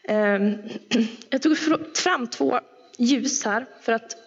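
A woman with a fairly high, gravelly voice gives an anecdotal sermon in a chatty, filler-heavy way. The sound is dull and carries a long echo of a church hall. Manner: chatty storytelling with frequent fillers. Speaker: preacher.

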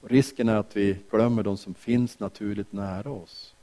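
A man preaching a sermon, earnest, with rhetorical questions and slow, emphatic repetitions. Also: lowish voice, fairly even intonation, mellow. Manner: frequent small restarts. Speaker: pastor.

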